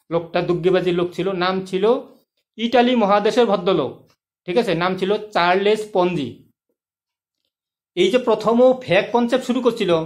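A man with a high-pitched voice walks viewers through an online money-making plan in a loose, chatty way. He speaks persuasively, calls the listener friend and keeps stopping to ask if they are following along. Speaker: online income plan promoter. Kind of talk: casual explanatory video talk.

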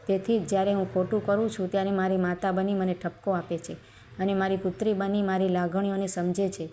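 A scolding, sharp-tongued older mother-in-law from a spoken storybook, read out by a woman in her own voice. The delivery stays level and flat, with a mellow, darker tone. She commands and rebukes rather than shouts. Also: medium pitch, a little fast, a little hiss or hum, close to an everyday voice. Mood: furious.

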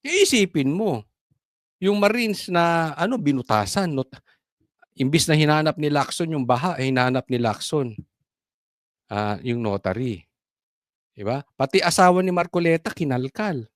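A Filipino man talks politics in a lively, up-and-down voice, preachy one moment and mocking the next. He sounds fairly high for a man. The recording is close and dry, with no room sound. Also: moderate pace, pauses often, dry recording. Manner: preachy, mocking, chanting, laughing asides. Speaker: political commentary vlogger. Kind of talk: animated political commentary.

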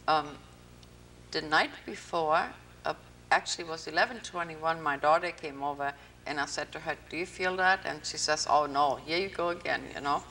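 A woman's voice: low voice, moderate pace, pushed and bright, far from the mic, slight background noise. An older woman from North Africa hosting a public access interview in a TV studio, telling long rambling stories. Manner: chatty, rambling storyteller. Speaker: host. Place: TV studio with green-screen backdrop.

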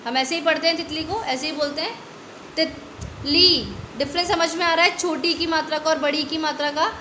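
An Indian woman teaching a young children's Hindi class, drawing out each word slowly and asking the kids questions. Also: high voice, fairly even intonation, sharp tone, slight background noise. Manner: slow, drawn-out word stretching with quiz questions. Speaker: primary school Hindi teacher. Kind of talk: online class lesson. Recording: echoey room with faint ambience.

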